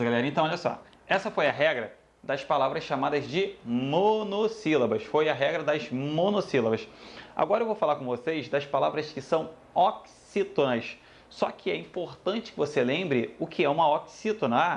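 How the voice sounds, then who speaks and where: A grammar teacher with a somewhat high, creaky voice addresses his students informally as "galera," staying lively and restating every rule. The recording has a lo-fi quality.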